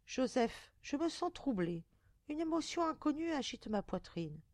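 A woman's voice: high voice, sing-song, a little slow, a little mellow, no echo, clean studio sound, voice pushed up, heavily acted. A woman reading a story aloud and voicing a young village bride who speaks in a tender, pleading, breathless way.

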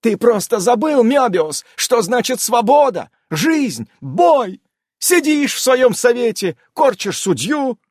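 A man reading an audiobook, voicing a haughty, quick-tempered young amazon warrior woman who shouts and scorns. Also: very high-pitched, very animated, dry recording, clean studio sound, voice pushed up, full character voice. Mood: furious. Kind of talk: audiobook character voice.

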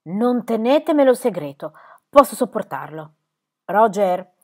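A woman's voice: mid-range voice, animated, moderate pace, a little mellow, lightly acted. A woman reading an audiobook, voicing an old grieving squire who trembles and pleads. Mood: anguished. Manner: anguished, pleading.

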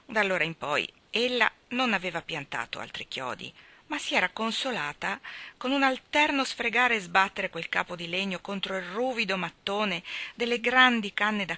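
A woman reading a classic novel aloud with expressive, measured narration. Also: medium pitch. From Italy. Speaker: reader.

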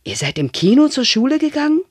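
A man's voice: high voice, very animated, fairly quick, slightly rough, no room sound, heavily acted. A man voicing a small boy who eagerly asks his father questions, in an audiobook reading. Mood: curious.

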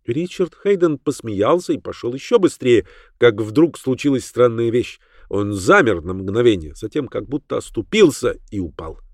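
A man narrating an audiobook in a measured, dramatic manner. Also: medium pitch, expressive, no room sound, studio quality.

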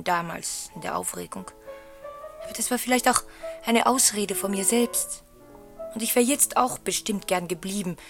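A woman with a medium-pitched, creaky voice close to her everyday speech acts the part of a wounded, emotional wife in a German radio play. Her delivery is dramatic, dropping into hushed tones.

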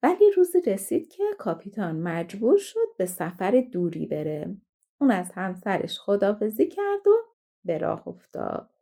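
A woman narrating a fairy tale audiobook in a calm, measured way. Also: medium pitch, creaky, slightly rough. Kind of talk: storybook narration.

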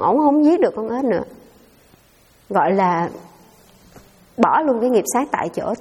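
Nun giving a dharma talk. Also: female voice, fairly high pitch, darkish tone, breathy edge, long reverb tail. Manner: conversational storytelling, addresses audience directly. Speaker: Buddhist nun teacher. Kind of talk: dharma talk answering questions.

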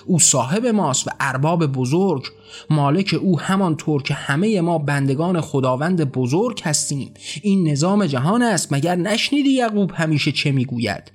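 A man's voice: on the high side, lively intonation, breathy edge. A man voicing a fearful, pious male servant who urges patience in an audiobook drama. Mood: pleading. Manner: placating, then commanding. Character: timid, pious male servant, submissive believer.

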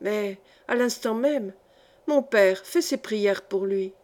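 A woman's voice: medium pitch, slow, darkish tone, close to an everyday voice. A woman reading an anxious old peasant grandmother who pleads urgently, in a storybook. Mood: pleading.

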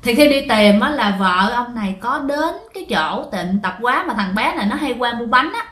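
Chatty Southern Vietnamese woman storyteller, fairly high voice, roomy echo. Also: lively intonation, normal speed, a bit bright. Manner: chatty, addresses listeners directly. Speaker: ghost story narrator. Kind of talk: casual storytelling to listeners.

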